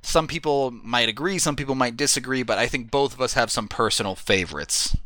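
A man's voice: mid-range voice, a little fast, sharp tone, no room sound, clean studio sound. A man hosting a sports podcast, talking in a conversational way as he presents and reads sponsor spots.

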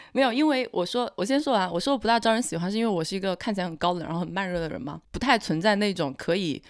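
A woman co-hosting a podcast in casual, reflective chat, sounding calm, cool and rational. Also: mid-range voice, quick pace, no echo, studio quality. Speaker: podcast co-host.

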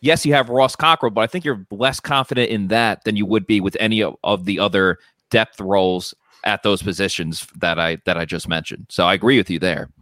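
A man's voice: lowish voice, fairly quick, hardly any pauses, a bit bright, no echo, studio quality. A man co-hosting a sports podcast, giving casual, matter-of-fact analysis in conversation. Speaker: podcast co-host.

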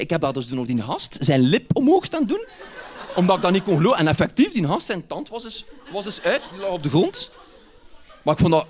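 A Flemish man from Ghent telling a personal anecdote in a lively way, laughing as he goes and using dialect words. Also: on the high side. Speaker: storyteller.

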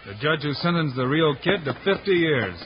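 An actor playing a steady, brisk marshal hero in a 1950s radio western. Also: male voice, on the high side, close to an everyday voice. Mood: concerned. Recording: noisy, muffled old radio recording.

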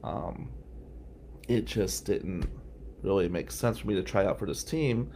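A man's voice: low-pitched, a little slow, a little mellow, a little hiss or hum. A middle-aged man from New Jersey hosting a live stream, telling a rambling story with many tangents. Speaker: host.

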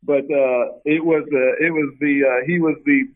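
A man's voice: on the high side, moderate pace, a little hiss or hum. Man on a tinny phone line. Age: middle-aged. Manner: storytelling, many restarts, animated when quoting. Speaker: former college basketball player, guest. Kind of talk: casual interview over the phone.

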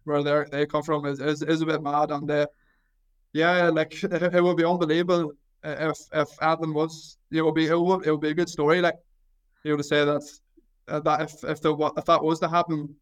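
Young guy from county down, northern irish accent, smooth clear voice, even tone, chatting modestly about himself, stumbles n repeats words. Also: fairly high pitch, brisk. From County Down, Northern Ireland. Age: 20s. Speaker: Gaelic football goalkeeper trying out as American football kicker. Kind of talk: casual sports interview.

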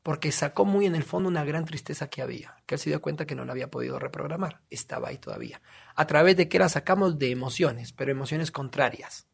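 Gravelly man explaining emphatically. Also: on the high side, fast. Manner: emphatic, asks himself questions and answers. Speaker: guest explaining reprogramming. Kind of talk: casual podcast explanation.

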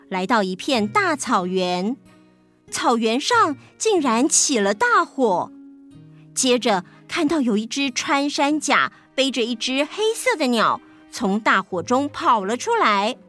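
Brief: gentle Taiwanese Mandarin narrator, unhurried, faint music behind. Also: female voice, a little high, sing-song. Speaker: storyteller host. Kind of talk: scripted narration.

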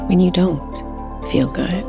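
A woman leading a guided meditation in a slow, soft, soothing way. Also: lowish voice, creaky. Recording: soft new-age music behind.

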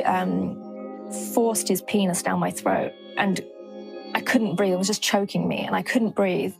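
Woman, disguised voice, gravelly, halting testimony over clear music. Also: mid-range voice. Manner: halting, with fillers. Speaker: accuser in a news clip. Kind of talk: recorded testimony.

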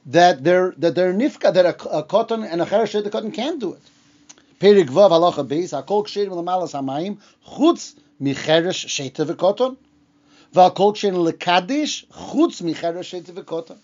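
Higher-voiced man teaching with a Yiddish accent. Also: a little mellow, dull audio. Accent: Yiddish-influenced English. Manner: explanatory, poses questions and answers them. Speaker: religious teacher. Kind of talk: informal religious lecture, reading and explaining texts.

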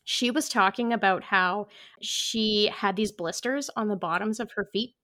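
A woman's voice: unhurried, no room sound, studio quality. A woman guest on a casual podcast interview, telling running stories and acting out quotes with big jumps in voice, full of "like" fillers. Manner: animated storyteller, acts out quotes with big pitch jumps, many "like" fillers.

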